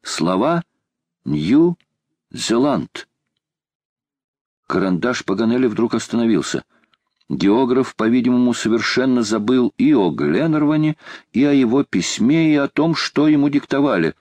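A man narrating an audiobook in a measured, even storytelling manner. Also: mid-range voice, no room sound. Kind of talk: scripted narration.

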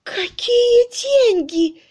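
A woman voicing a fussy, panicky spinster who squeals in a very high voice. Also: sing-song, takes it slowly, full character voice. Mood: shrieking.

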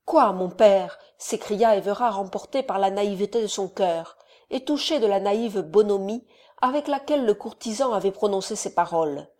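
A woman reading an audiobook, narrating a classic novel in a calm, even storytelling voice. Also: medium pitch, normal speed. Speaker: audiobook reader.

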